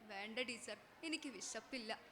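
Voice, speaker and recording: A woman voicing a poor, sad young village girl who speaks quietly and tearfully. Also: on the high side, moderate pace, a little hiss or hum, pitched below the performer's own voice.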